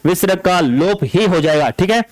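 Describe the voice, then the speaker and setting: A man's voice: high voice, expressive, moderate pace, dry recording. A man teaching an exam-prep grammar lesson, stating a rule and then going back over it again and again, with frequent checks like "okay?". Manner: explains a rule, then repeats it with checks like "ठीक है ना".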